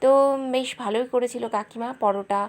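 A woman's voice: a little high, fairly even intonation, a little fast. A young woman chatting casually to her viewers in a home vlog. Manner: chatty, addresses viewers as friends. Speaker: vlogger.

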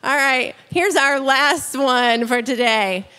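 Bright, high-voiced woman on stage. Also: takes it slowly, clear, resonant tone. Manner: upbeat, chatty, addresses crowd directly. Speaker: church announcer. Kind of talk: casual stage announcements. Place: large church auditorium. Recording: long reverb of big church hall.

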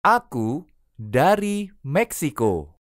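A language teacher reads short everyday phrases for learners to repeat. Each phrase comes three times, unhurried and clearly spaced. The voice moves freely up and down, and the recording is dry and close. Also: mid-range voice, big pitch swings, dry recording. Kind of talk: reading phrase drills.

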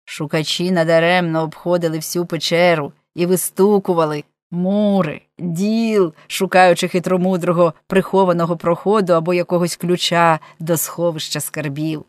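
A woman narrating an adventure audiobook with an expressive, varied reading. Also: on the low side, normal speed, hardly any pauses, no echo.

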